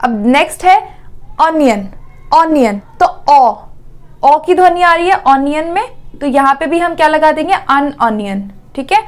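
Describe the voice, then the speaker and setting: A woman teaching an exam-prep grammar lesson, repeating words slowly and checking in often. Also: sits high.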